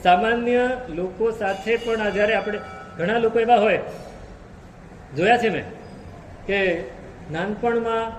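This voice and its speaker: A man's voice: sits high, a little hiss or hum. A man preaching a sermon, telling a story and repeating key phrases for emphasis. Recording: echoey hall reverb.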